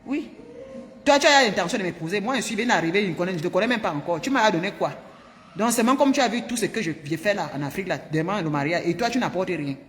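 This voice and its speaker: A woman from Cameroon, telling her viewers a personal story in an animated, emphatic way and repeating herself often. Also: mid-range voice, fast talker, long reverb tail, slight background noise. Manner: animated and emphatic, with frequent repetitions. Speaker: vlogger.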